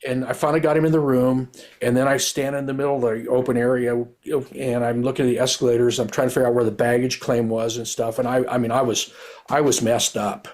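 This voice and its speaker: A man's voice: medium pitch, flat delivery, quick pace, a little mellow. A middle-aged man, a retired police officer, telling his story in a candid, rambling, earnest way, often restarting his sentences.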